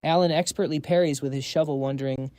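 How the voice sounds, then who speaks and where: Guy doing a scripted story recap, kinda high voice but dark tone, dry close sound. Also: steady tone, quick pace, no room sound. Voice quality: quips to the audience. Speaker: recap narrator.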